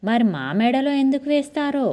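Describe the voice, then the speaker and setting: A woman voicing a quick-tempered, jealous young wife who talks in a snappy, raised voice. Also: high voice, mellow, voice pushed up, close to an everyday voice. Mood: sharp.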